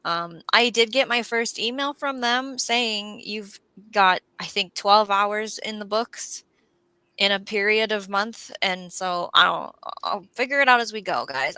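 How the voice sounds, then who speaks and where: Chatty Minnesotan woman, bright and clear. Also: mid-range voice, a little slow, no echo. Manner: chatty, reads viewer comments aloud. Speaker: livestream host. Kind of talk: casual gardening chat.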